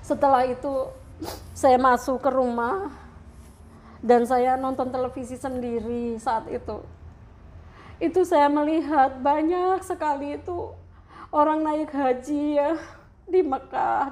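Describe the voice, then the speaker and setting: A middle-aged woman from Central Java telling her personal story in an interview, speaking with deep emotion that at times turns tearful. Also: measured pace, pauses often, a little mellow. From Central Java, Indonesia. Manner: emotional, heartfelt storytelling that rises into tearful prayer. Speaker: interview guest.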